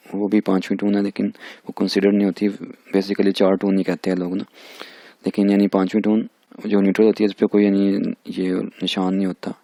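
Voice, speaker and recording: गहरी खरखराती आवाज़ वाला पुरुष शिक्षक. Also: male voice, lowish voice, dark tone, no room sound. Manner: repeats each sound many times, patient and drilling. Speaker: language teacher. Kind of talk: recorded language lecture over slides.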